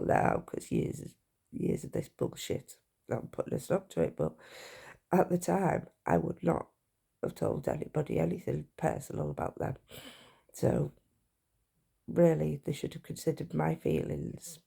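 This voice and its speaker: A woman speaking frankly and haltingly to a phone camera, sharing a personal account. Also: deep voice, big pitch swings, creaky, mellow, breathy edge. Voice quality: frank, halting, reflective speech. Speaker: vlogger.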